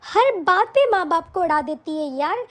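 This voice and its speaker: A woman's voice: very high voice, lively intonation, moderate pace. A woman voicing a young, put-upon daughter-in-law in a cartoon, pleading and hurt. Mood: fed up. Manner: pleading, soft-spoken. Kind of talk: cartoon voice acting.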